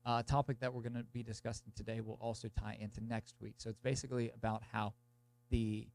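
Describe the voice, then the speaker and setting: A young man hosts a podcast, introducing an episode in a loose, rambling monologue full of "like." His medium-pitched, darkish voice stays level and runs a little fast with some vocal fry. He sounds congested, his nose blocked and throat sore from a cold.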